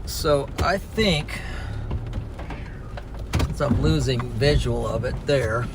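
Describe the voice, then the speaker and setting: A man's voice: mid-range voice, slow. A man giving live storm-chasing commentary from a moving vehicle, thinking aloud in short, muttered fragments. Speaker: storm chaser livestreaming. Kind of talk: live commentary while driving. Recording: loud vehicle and outdoor noise. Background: loud vehicle noise.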